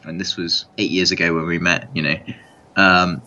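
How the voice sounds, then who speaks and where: A man talking in a measured way on a podcast, hedging often with "sort of" and "kind of". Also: sits low, fairly even intonation, bright, forceful tone, a little hiss or hum. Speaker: podcast panelist. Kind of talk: casual podcast chat. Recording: dull lo-fi sound.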